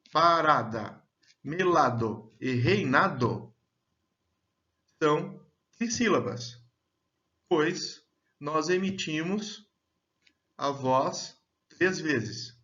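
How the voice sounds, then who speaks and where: A man teaching a grammar lesson, speaking slowly and deliberately and drawing out example words. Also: fairly high pitch, sharp tone. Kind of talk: slow, clear grammar lesson. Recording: dull, lo-fi sound.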